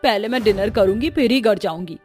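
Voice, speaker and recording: A woman voicing a bossy, stubborn older mother-in-law in an animated cartoon story, who wails and complains loudly. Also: mid-range voice, fairly quick, soft background music, lightly acted.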